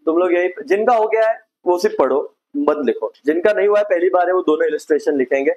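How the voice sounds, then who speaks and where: A man's voice: high voice, quick pace, darkish tone, dull audio. A male accounts teacher giving a classroom lecture, explaining step by step and checking in with his students. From India.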